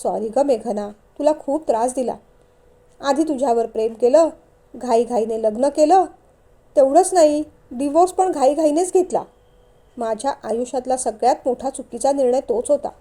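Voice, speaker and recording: A remorseful man, recently divorced, pleads earnestly and from the heart for another chance, read by a woman in a storybook reading. The voice sits high and mellow. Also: normal speed.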